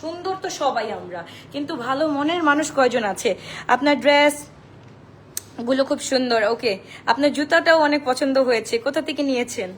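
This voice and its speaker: In an echoey room with a bit of faint noise, a young Bangladeshi clothing seller talks to her live-stream audience. Her high voice is animated and a little fast, and she blends in English while rattling off sizes in a sing-song way.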